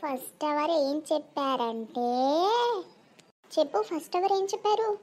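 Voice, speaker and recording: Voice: high voice, expressive, normal speed, a little mellow. A voice actor playing chatty young college students who tease and bicker with each other in a cartoon. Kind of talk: cartoon dialogue.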